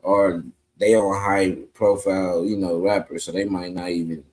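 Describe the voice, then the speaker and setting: Chill guy with a lowish voice breaking down the story on a podcast. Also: level tone, moderate pace, a little mellow. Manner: laid-back, explains at length. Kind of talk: casual chat.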